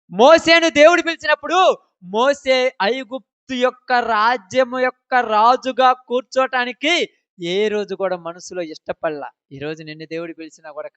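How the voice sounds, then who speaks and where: Male preacher, high smooth voice, impassioned rhetorical sermon style, dull dry lo-fi recording. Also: dry recording. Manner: impassioned, swinging between loud declarations and low asides; rhetorical questions to the congregation. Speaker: pastor.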